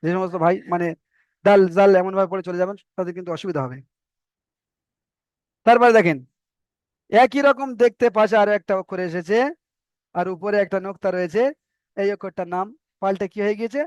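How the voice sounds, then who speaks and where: High-voiced man teaching letters patiently. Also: dry recording, highs cut off. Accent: Indian Bengali. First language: Bengali. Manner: patient, repeats letters slowly with drawn-out vowels. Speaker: Arabic alphabet teacher. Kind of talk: online Quran reading class.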